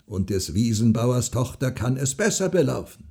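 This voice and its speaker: A man voicing a stubborn, boastful old farmer who speaks gruffly and mockingly. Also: medium pitch, big pitch swings, moderate pace. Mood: boastful, scornful. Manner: gruff, loud and mocking, drawn out.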